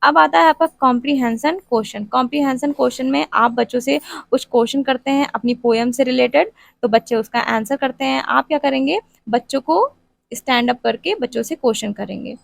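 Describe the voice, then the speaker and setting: A woman tutor giving an exam-prep lecture on teaching steps, mixing Hindi with English terms and reading English definitions out slowly. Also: high voice, gravelly, no echo. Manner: repeats a check-in tag after each point.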